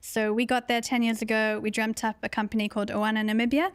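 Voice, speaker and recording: A woman in her thirties from London, a conservation co-founder answering interview questions earnestly, with frequent pauses. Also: a little high, flat delivery, smooth, dry recording. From London, England. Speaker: conservation project co-founder, guest.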